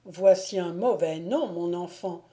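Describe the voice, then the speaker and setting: Woman putting on a gruff blustering old baron. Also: lowish voice, a little slow, natural voice. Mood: teasing, bluff. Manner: loud, teasing and commanding. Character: gruff blustering male noble wolf-hunter baron.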